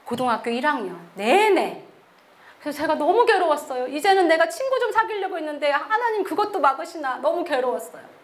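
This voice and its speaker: A middle-aged woman missionary giving a sermon-style testimony, telling her story with animated delivery and acting out the quotes. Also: high-pitched, brisk.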